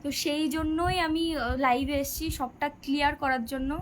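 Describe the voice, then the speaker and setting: High-voiced teenage girl on a live stream. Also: fairly even intonation, moderate pace, slight background noise, poor audio. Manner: chatty, reads out and answers viewer questions. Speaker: live streamer answering viewer comments. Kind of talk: casual live-stream chat.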